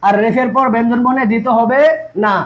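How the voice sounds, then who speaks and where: A man's voice: extremely high pitch, steady tone, fast talker, fairly bright tone, lo-fi sound. A male teacher giving an online exam-prep lesson, repeating points and asking his students rhetorical questions.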